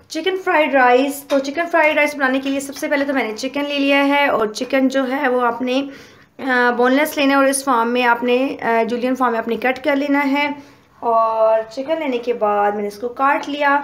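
High-voiced woman narrating her cooking. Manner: step-by-step explaining, calm and homely. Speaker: cooking channel host. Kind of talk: casual cooking voice-over. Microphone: voice-over.

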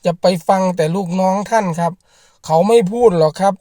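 A man's voice: high-pitched, fairly quick, dark tone, no room sound. A man, a rice farmer and channel host, talking straight to camera in an earnest, repetitive way as he appeals to the government. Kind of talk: direct-to-camera political vlog.

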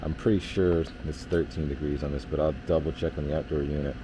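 Very deep voiced hvac guy talking thru readings, lots of ums, noisy basement hum behind. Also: fast. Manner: relaxed, explanatory, many fillers. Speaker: HVAC technician. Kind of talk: hands-on technical demonstration. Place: indoor basement furnace area.

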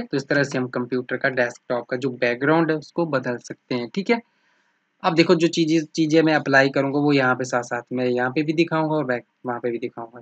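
A man's voice: mid-range voice, fairly bright tone, no room sound. Man teaching a computer lesson, dry lo-fi mic. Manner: repeats "ठीक है" after nearly every point; points things out on screen with "ये देखो". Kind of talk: screen-recorded computer lesson. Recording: dry, slightly dull lo-fi mic.

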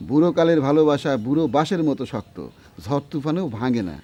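A man's voice: fairly high pitch, fast talker, mellow, highs cut off, natural voice. An actor playing an older village father, fond and folksy, given to homespun sayings. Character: warm-hearted old village father who loves to sing. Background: music.

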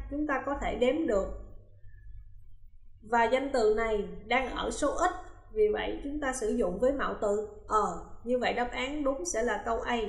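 A woman teaching English in a recorded lesson, her voice sitting fairly high. She reads each example slowly and distinctly, then explains the answer in a steady, methodical way. The sound is roomy, with a noticeable echo. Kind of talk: recorded classroom lesson, explaining grammar exercises. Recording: roomy, echoey room.

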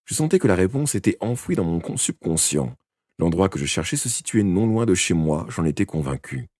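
Deep, husky male audiobook narrator. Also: no echo, clean studio sound. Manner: expressive first-person narration with occasional slips and self-corrections. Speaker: audiobook reader. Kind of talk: live unedited audiobook reading.

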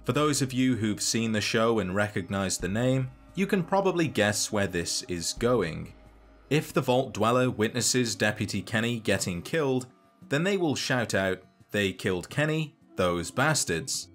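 A man narrating a scripted game video essay in a measured, dry and wry way. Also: medium pitch, expressive, soft background music.

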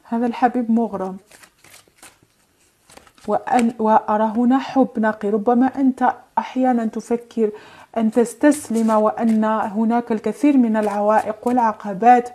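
Warm-voiced woman reading tarot. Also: on the high side. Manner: gentle, reassuring, drawn-out phrasing with hesitations and French phrases. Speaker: tarot reader.

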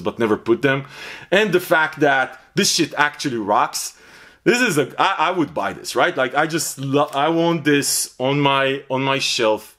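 A man's voice: mid-range voice, fairly bright tone. A man reviewing a pre-workout supplement in a blunt, profane, rambling way, repeating himself for emphasis. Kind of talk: casual review vlog.

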